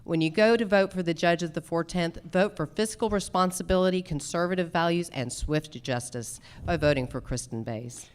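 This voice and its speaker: A woman who is a lawyer and judicial candidate gives an emphatic stump speech at a live candidate forum. Her voice is lowish and her pace moderate with few pauses, and she speaks in short, slogan-like statements.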